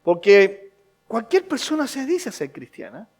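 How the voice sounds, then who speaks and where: High-voiced preaching pastor, loud to soft. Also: male voice, big pitch swings, measured pace, slightly rough. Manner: preaching with sweeping shifts between loud emphatic questions and soft low asides. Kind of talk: sermon.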